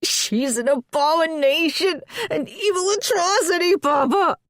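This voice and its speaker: A delirious teenage boy who turns into a crow, screams and raves in a strained, very high voice. He sounds wild and out of control, dragging out his words in dread. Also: lively intonation, takes it slowly, a bit bright, no room sound, studio quality, heavily acted. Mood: frantic raving.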